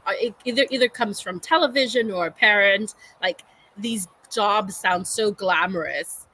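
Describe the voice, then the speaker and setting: A woman's voice: medium pitch, moderate pace, pushed and bright, poor audio. A woman hosts a live-streamed interview show, upbeat and chatty, with fillers and restarts. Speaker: host.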